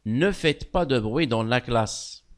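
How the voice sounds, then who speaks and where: A male teacher explains grammar in a slow, deliberate way. His voice swings widely in pitch, and he punches key words with sudden loud lifts. He often praises the pupils' answers. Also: animated. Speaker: primary school French teacher. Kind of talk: classroom grammar lesson.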